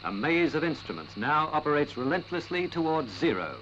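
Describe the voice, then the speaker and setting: A man reading a scripted 1960s documentary narration in a formal, measured, dramatic way. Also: a little high, big pitch swings, noisy background. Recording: dull, band-limited 1960s film soundtrack.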